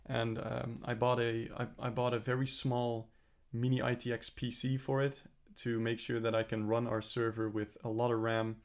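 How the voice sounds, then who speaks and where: Here a young man rambles earnestly about his plans in a relaxed vlog, catching and fixing his own words. His medium-pitched voice is flat, at normal speed, with only a few pauses.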